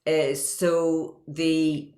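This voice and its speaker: An Irish woman with a deep, warm voice speaks extremely slowly with little pitch movement, her sound reverberant. She's a guest on a video-call interview, chatting casually and stumbling through many false starts and repeated words.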